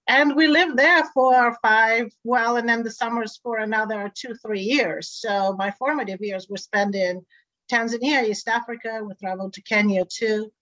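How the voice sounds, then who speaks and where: A woman from Bulgaria, a guest on a podcast, telling her story with animated energy and frequent laughs over a video call. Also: a little high, moderate pace, dry recording. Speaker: guest, energy board chair. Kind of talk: interview conversation. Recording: dull dry video call audio.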